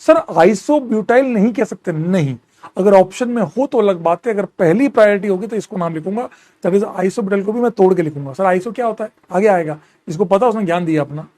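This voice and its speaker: A man teaches a live chemistry class in a Hindi-English mix, counting atom numbers aloud and reading out students' questions to answer them while teasing and jokingly scolding them. His voice sits high, fairly quick, with a dark tone.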